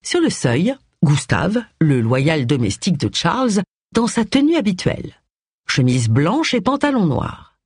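Woman narrator for an audiobook: expressive, measured, breathy, dry close recording. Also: on the low side, dry recording.

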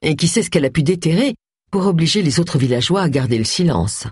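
A reader voicing James, a sober man speaking in a measured, lowered voice. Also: expressive, a little mellow, slightly rough, no echo, clean studio sound. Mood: grave.

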